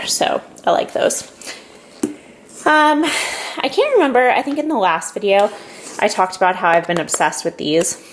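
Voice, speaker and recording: Chatty pregnant mom vlogging a haul. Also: female voice, medium pitch, slight background noise. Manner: chatty, upbeat, many fillers and asides. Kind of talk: casual haul vlog chat.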